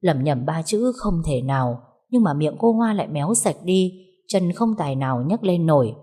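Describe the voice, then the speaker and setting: Storyteller: woman, low, warm, breathy, expressive audiobook reading. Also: moderate pace. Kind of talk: audiobook novel narration.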